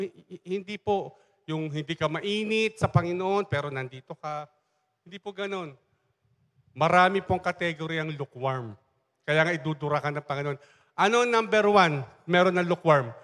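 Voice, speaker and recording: A man's voice: on the high side, a bit bright. Emphatic man preaching in a church hall. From Philippines. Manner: emphatic, asks congregation for amens. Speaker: church leader interjecting. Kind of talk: impassioned sermon interjection.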